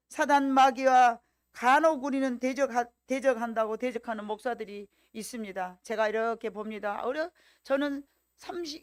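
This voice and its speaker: A woman pastor with a Jeolla Korean accent preaches in lively storytelling fashion, now and then acting out the voices of people in her stories. Her voice carries a gravelly fry, and the recording is close and dry with no room sound. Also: on the high side, no echo. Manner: lively storytelling with acted-out quotes. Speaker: senior pastor. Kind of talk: sermon.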